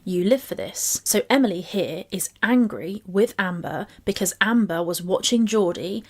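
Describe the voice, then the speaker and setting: A woman with a somewhat low voice reads out text messages one by one and pauses to pick them apart. She is measured and analytical rather than excited. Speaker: commentary channel co-host. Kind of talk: reading out and commenting on text messages.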